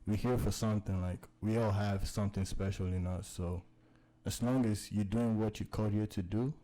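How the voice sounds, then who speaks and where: A young man guesting on a podcast as a rapper, earnest and relaxed in his delivery. His voice sits low with a soft, mellow tone. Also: moderate pace, low-quality recording. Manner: laid-back, earnest, uses "like" as filler. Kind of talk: casual interview chat.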